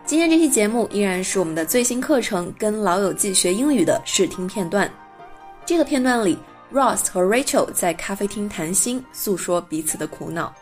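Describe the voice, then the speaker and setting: A young woman hosting a bilingual English lesson, slowly and carefully modelling pronunciation and explaining phrases. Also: mid-range voice, lively intonation, darkish tone, soft background music. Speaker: English teacher and podcast host.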